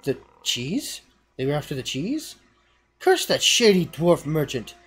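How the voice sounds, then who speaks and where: A man's voice: on the high side, sing-song, unhurried, husky, faint music behind, heavily acted. A man voicing a fretful innkeeper. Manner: indignant, apologetic tavern talk. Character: fretful innkeeper bemoaning cursed cheese. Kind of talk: reading game dialogue aloud.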